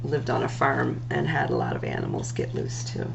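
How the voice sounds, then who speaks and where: With drawn-out words and a melodic, expressive lilt, a library storytime host reads rhyming picture books to children. Her creaky, gravelly voice ranges widely in pitch. The recording sounds dull and carries a faint hum and light noise.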